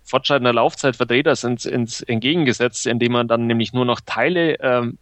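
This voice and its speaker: A man's voice: medium pitch, a little fast, a bit bright, no room sound. A man co-hosting a casual film review chat, analytical and hesitant, with many fillers. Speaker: film podcast co-host.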